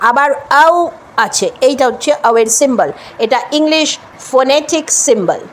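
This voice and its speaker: A woman with a Bengali accent who teaches English pronunciation and repeats each word, then models the correct form slowly. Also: sits high, expressive, slight background noise. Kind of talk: spoken English lesson.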